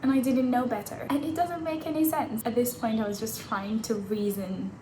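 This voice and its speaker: A woman in her twenties chats openly to camera in a casual vlog, laughing at herself as she goes. Her voice bounces around an echoey room. There is clear noise in the background. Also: fairly high pitch, steady tone, moderate pace. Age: 20s. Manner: chatty and candid, laughing at herself. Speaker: vlogger. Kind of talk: casual talking-head vlog.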